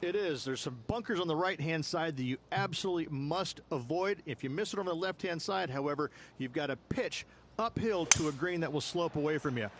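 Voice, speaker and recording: A man acting as a golf analyst for video game commentary. His voice sits fairly high for a man, and he explains in a conversational way over clear background noise. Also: a little fast, natural voice. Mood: explanatory.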